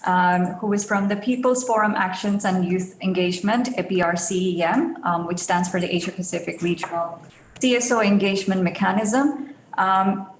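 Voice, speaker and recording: A woman's voice: mid-range voice, echoey room, a little hiss or hum, rough recording. A woman moderating a virtual forum, introducing speakers formally with frequent ums. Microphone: video call.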